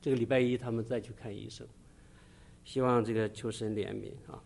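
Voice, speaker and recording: Middle-aged male preacher at mid pitch, earnest, stops and restarts mid-sentence while sharing testimony. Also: little pitch movement, vocal fry, a little mellow. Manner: earnest, halting, pausing often mid-sentence. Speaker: church preacher. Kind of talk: sermon with personal testimony.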